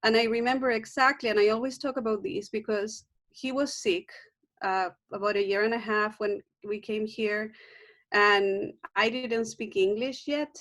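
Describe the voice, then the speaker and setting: A middle-aged Chilean herbalist, a native Spanish speaker with a Chilean Spanish accent, is interviewed casually over video call. Her voice is a little high and steady at normal speed, and she speaks warmly and earnestly, often restarting sentences and using fillers.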